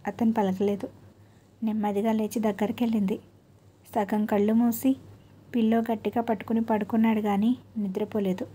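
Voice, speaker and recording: Woman reading an audio story, flat steady tone, kinda husky. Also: medium pitch, moderate pace.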